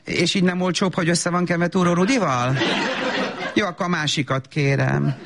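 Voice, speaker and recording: A man's voice: fairly even intonation, vocal fry, noisy background. A man playing a frazzled, self-absorbed young mother who coos baby talk at her toddler and then snaps at him. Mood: chatty. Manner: sing-song baby talk flipping to shrill scolding. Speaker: comedian. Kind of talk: comedy sketch monologue.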